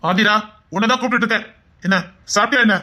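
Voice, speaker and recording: A man's voice: high voice, fast talker, sharp tone. A man playing a stern young fiancé who gives firm, commanding orders.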